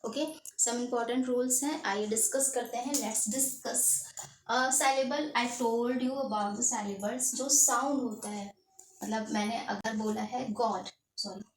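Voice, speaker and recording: A woman's voice: on the high side, fairly even intonation, takes it slowly. A woman teaching an English grammar lesson in Hindi and English, explaining step by step and checking in with "okay". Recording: echoey room, distant mic, faint noise.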